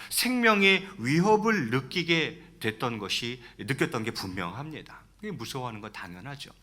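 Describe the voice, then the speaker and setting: At a medium pitch, a man preaches as pastor, alternating loud surges with soft drops. He reads scripture aloud and asks the congregation questions.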